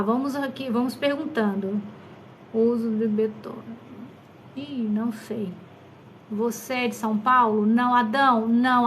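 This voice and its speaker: Higher-pitched woman doctor on a live stream. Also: a bit bright, a little hiss or hum. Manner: affectionate, keeps checking in with listeners.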